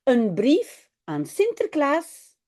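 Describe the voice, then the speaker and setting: A woman's voice: sits high, wildly swooping pitch, drawn-out words, darkish tone, full character voice. A woman reading as an eager little storybook boy. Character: small boy, eager and a bit naughty.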